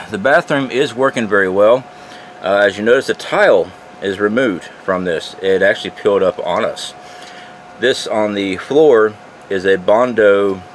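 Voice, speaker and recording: A man's voice: on the low side, fairly bright tone. A middle-aged man narrating a casual handheld walkthrough in a plain-spoken, folksy way, talking to viewers as guys. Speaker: vlogger giving a trailer tour. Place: outdoors around and inside a small trailer. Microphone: handheld camera or phone mic. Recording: noisy camera audio, outdoor and fan hum.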